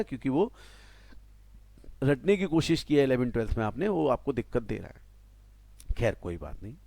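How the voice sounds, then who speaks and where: A man in his forties with an Indian accent, giving a tax lecture to a class, animated and mixing in English terms while checking that students follow. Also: mid-range voice, no echo. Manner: animated, mixes Hindi and English, asks students "clear?". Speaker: tax teacher.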